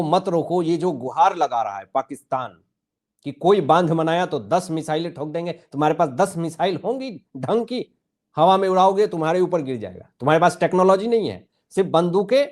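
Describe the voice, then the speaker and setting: A man's voice: a little high, darkish tone. A man hosting a heated political news commentary, combative and mocking, often calling out to his viewers as friends.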